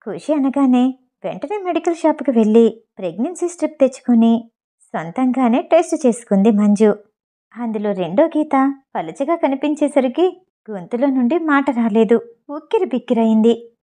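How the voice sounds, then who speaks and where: A woman's voice: high-pitched, lively intonation, normal speed, mellow. A woman narrating an audio novel, reading every character's lines herself. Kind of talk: storytelling narration with character dialogue.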